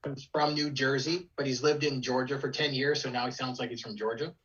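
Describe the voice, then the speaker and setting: A man's voice: medium pitch, fairly even intonation, a little fast, a bit bright, husky. A man from California chatting casually as a co-host on a slightly muffled, lo-fi microphone. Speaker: co-host of a collectibles talk stream. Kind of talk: casual group chat.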